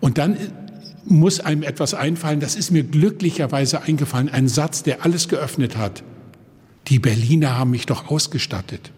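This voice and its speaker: A man around seventy from Germany's Baltic coast, a guest telling lively anecdotes in conversation and acting out the people in them. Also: a little high, breathy edge, in a large hall. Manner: lively storyteller who acts out the people in his stories. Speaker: guest, organ builder.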